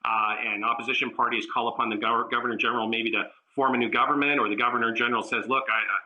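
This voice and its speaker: A man giving a political analysis in a remote news interview, measured and halting, with frequent fillers and restarts. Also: mid-range voice, steady tone, highs cut off.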